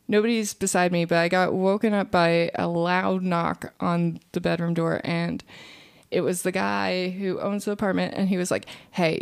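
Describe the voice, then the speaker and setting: A woman's voice: fairly low pitch, creaky, clean tone. A young woman, a comedian guest on a podcast, telling a rambling story in casual chat, full of fillers and restarts.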